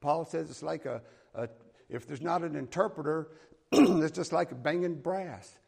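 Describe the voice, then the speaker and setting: A man from the American South with a Southern accent preaches, reading scripture aloud and giving plain, folksy explanations. His fairly high voice is gravelly and a little mellow with a breathy edge, and he is unhurried.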